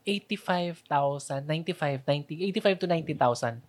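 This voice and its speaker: A woman's voice: deep voice, a little fast. A woman co-hosting a casual podcast chat, asking questions and mixing English into her talk. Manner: chatty, asks questions, eats chips while talking. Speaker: podcast co-host.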